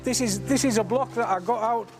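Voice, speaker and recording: High-voiced Cumbrian man in an echoing space. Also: a little fast, soft background music. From Cumbria, England. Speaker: slate miner and mine owner. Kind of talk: casual on-location explanation. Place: inside an underground slate mine. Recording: reverberant underground space.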